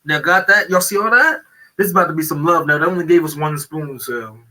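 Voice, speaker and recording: A man hosting a talk show, excitable and profane. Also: fairly high pitch, fast, recorded from a distance, rough recording. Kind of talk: casual chat.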